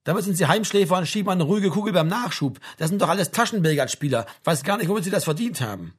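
Guy doing a bossy army sergeant major, husky voice raised up high, teasing and brusque, audiobook. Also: lively intonation, fast. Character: gruff joking male army sergeant major. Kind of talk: audiobook reading.

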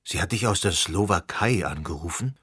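A man doing a quiet, weary assistant. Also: low voice, expressive, normal speed, husky, no echo, clean studio sound, voice pushed down, full character voice. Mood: startled. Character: quiet, long-suffering male assistant.

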